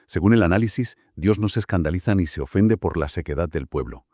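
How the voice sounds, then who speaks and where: A man from Spain co-hosting a Bible study podcast, explaining in a measured way. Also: sits low, animated, dark tone, no room sound, clean studio sound. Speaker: podcast co-host.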